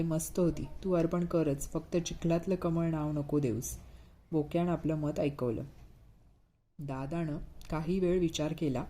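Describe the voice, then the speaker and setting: A woman's voice: low voice, warm tone. A woman reading a bedtime story aloud, voicing the characters with light expression.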